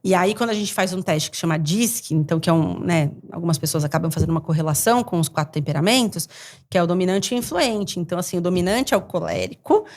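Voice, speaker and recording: A middle-aged woman psychologist explaining temperaments in a casual podcast chat, with animated delivery full of little acted quotes. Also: fairly low pitch. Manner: animated, talks in quick bursts with acted quotes. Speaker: psychologist guest.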